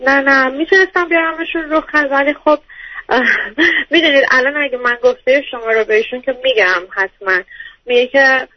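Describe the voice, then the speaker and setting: A woman's voice: sits high, no room sound. A woman calling in to an advice show, explaining at length in a hesitant, stammering way. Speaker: caller. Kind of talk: call-in counseling chat. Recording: dull lo-fi phone-line audio.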